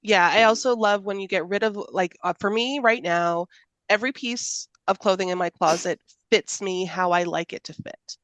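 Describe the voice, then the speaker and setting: A woman's voice: mid-range voice, normal speed, fairly bright tone, no echo. A woman co-hosting a podcast, chatting casually and often affirming with mm-hmms. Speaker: podcast co-host. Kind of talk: casual chat.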